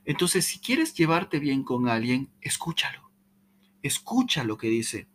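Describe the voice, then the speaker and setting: A man giving a motivational talk on communication, checking in often with "¿sí?", repeating and stumbling over words, with dramatic swings in pitch. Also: unhurried, slight background noise. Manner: repeats "¿sí?" to the audience, animated. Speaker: speaker on communication.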